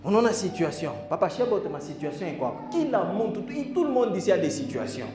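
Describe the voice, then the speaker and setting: Male preacher, high lively voice, builds to shouts, echoey hall with faint music. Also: fairly quick. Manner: animated, switches languages, builds to shouting. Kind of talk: conference sermon. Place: church hall.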